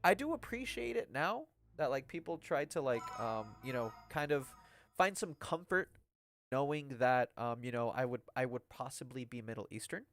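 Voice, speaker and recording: A young Mexican-American man talks at a moderate pace on a live game stream, his medium-pitched voice fairly bright in tone, with soft music in the background. He's chatty and rambling, full of "like" and "um," often laughing along the way.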